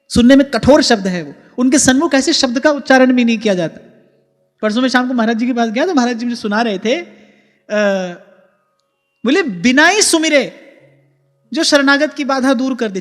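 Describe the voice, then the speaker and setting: Casting: high-voiced male preacher, expressive devotional delivery, reverberant hall, faint music behind. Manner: expressive, shifting between explanation and slow recited verse. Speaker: spiritual preacher. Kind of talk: devotional discourse with chanted verses.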